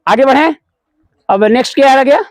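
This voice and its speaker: A male teacher with a strikingly high voice leads a morning assembly. He drills the children in call-and-response, repeating each word and posing questions he answers himself. The sound is close and dry, with no room echo. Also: expressive, moderate pace. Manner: repeats key words, calls pupils "babu"; mixes English words into Hindi explanation. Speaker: school teacher. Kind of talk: leading a morning school assembly lesson.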